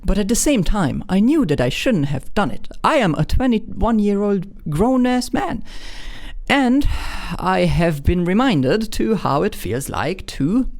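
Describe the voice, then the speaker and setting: A man's voice: sits high, lively intonation, unhurried, darkish tone. A young man in his twenties from Hungary with a Hungarian accent, telling an embarrassing personal story in a candid, self-mocking way with frequent restarts. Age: 20s. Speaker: vlogger.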